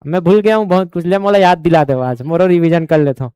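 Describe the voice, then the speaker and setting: A man's voice: high voice, fast talker, mellow, clean tone, no echo, clean studio sound. A man with a Chhattisgarhi accent teaching an exam coaching class, drilling numbers over and over and often asking if the students follow.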